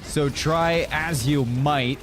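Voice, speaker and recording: Energetic Canadian man calling esports. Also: a little high. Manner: fast, energetic play-by-play. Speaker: esports caster. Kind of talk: live esports play-by-play. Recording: noisy broadcast mix.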